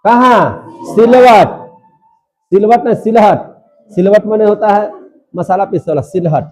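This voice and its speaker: A man's voice: high-pitched, lively intonation, moderate pace. A young man teaching a class, drilling students by asking questions and repeating each answer. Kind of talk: classroom lecture.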